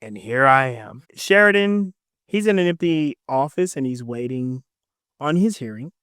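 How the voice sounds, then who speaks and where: A man's voice: medium pitch, lively intonation, measured pace, fairly bright tone, clean tone, no room sound, clean studio sound. A man hosting a podcast, recapping an episode in a casual, joking way with slangy asides to his listeners. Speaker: podcast host.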